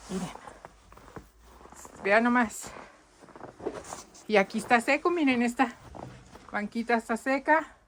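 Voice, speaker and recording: A woman's voice: mid-range voice, fairly bright tone. Female vlogger, casual walkthrough on a phone outdoors, faint noise. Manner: chatty, addresses viewers constantly. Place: outdoors in deep snow.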